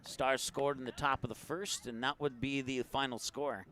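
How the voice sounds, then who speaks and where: A man calls a baseball game play-by-play in an easygoing, chatty way. He fills the gaps between pitches with stories and picks up the pace on the action. He has the hiccups. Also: steady tone, normal speed, a bit bright. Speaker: play-by-play announcer.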